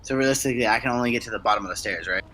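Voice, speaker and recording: Fast-talking man player. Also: medium pitch, pushed and bright, low-quality recording. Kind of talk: casual tabletop play.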